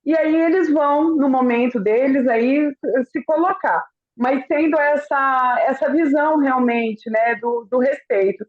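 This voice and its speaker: Brazilian woman, high voice, earnest parent advice, kinda dull muffled audio. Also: unhurried. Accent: Brazilian Portuguese. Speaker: school coordinator. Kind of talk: live talk to parents.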